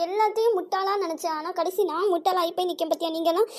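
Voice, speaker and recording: A woman's voice: extremely high pitch, very fast, darkish tone. A woman voicing a young woman betrayed by her lover in a cartoon, speaking with a Tamil accent, bitter and tearful. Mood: grieving. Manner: scornful, then sobbing and pleading. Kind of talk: cartoon dub acting.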